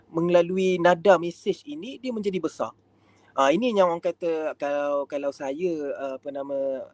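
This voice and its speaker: A man's voice: a little high, darkish tone, no echo. A man with a Malaysian accent giving a counseling lecture, full of fillers and English words. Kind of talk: live-streamed lecture.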